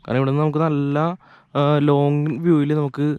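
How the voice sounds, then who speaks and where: A man's voice: a little high, monotone, moderate pace, warm tone, clear, resonant tone, no echo. A man giving an enthusiastic, casual travel vlog narration, mixing English words into his Malayalam. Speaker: travel vlogger. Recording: music behind the voice. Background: music.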